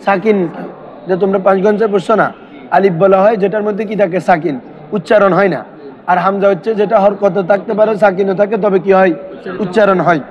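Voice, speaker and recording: Male teacher, high-pitched, drills students with questions in a lesson; muffled low-fi recording. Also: fairly even intonation, fast. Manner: quizzing students with constant questions. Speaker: madrasa teacher. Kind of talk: classroom grammar lesson. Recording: dull lo-fi recording.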